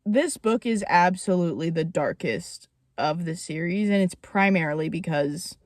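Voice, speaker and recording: A woman giving a casual, rambling reaction to a book she just read, swearing freely and getting excited. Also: fairly low pitch, normal speed, no echo, studio quality. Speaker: book reviewer.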